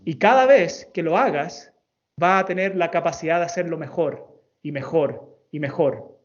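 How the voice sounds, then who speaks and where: A man's voice: on the high side, moderate pace. Man, thirties, interview guest, storytelling coach, earnest, repeats words for emphasis, dull lo-fi sound.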